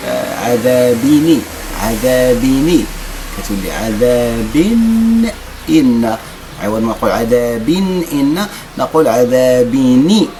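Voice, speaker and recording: A man with a Moroccan accent teaching tajweed, stretching out recited words slowly, then explaining quickly in Moroccan dialect. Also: mid-range voice, a little hiss or hum. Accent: Moroccan Arabic. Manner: alternates drawn-out chanted recitation with quick explanations. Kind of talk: tajweed lesson with slow demonstrative recitation.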